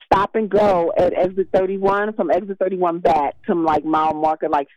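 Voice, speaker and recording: A woman's voice: lowish voice, steady tone, no echo. Lady calling in traffic on a clipped phone line, lots of ums, kinda tongue-tied, muffled sound. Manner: halting, filler-heavy, gets tongue-tied. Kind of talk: live traffic update on a radio call.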